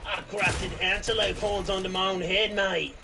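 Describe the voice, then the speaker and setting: A man's voice: sits high, fairly even intonation, moderate pace, vocal fry, a little hiss or hum, exaggerated voice. A man doing a brash outback Australian bloke. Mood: boastful. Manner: loud exaggerated mock Australian bluster with 'crikey' and 'mate'. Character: rowdy outback Australian man, cocky and crude.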